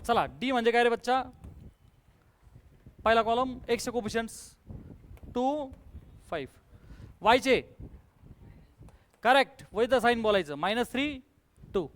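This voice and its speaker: A man teaching a maths class, his voice high-pitched, smooth and resonant. He keeps firing questions at the students and coaxes quick answers from them. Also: a bit bright. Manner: brisk, coaxing, quizzes students, calls them 'beta'. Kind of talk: classroom lecture with student call-and-response.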